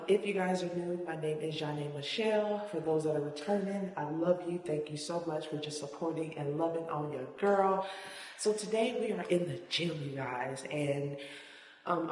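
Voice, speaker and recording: Speaking from an apartment building's gym, a woman with a low, slightly mellow voice encourages viewers directly in a casual, motivational fitness vlog. The gym echoes, giving the recording a long reverb and a bit of faint noise.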